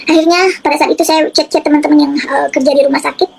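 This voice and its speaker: Woman, high and gravelly voice, fast and earnest personal testimony, halting with restarts. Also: steady tone, a little mellow, low-quality recording. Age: adult. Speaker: testimony giver.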